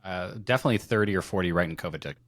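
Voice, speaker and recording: A man's voice: deep voice, a bit bright. A man in his forties hosting a podcast, chatting in an easygoing, agreeable way and chiming in often. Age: 40s. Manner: easygoing, agreeable, quick to chime in. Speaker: podcast host. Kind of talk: casual interview conversation.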